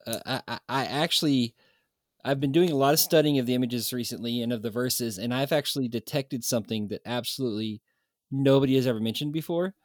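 Podcast co-host, man, chatty and jokey, mid pitch, dry close sound. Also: fast talker, no room sound. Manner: animated, joking, chatty storyteller. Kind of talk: casual chat.

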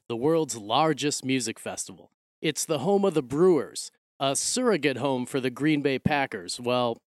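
Clear, dry-sounding American man hosting. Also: mid-range voice, dry recording. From Milwaukee, Wisconsin, USA. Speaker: podcast host. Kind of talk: scripted podcast narration and co-host chat.

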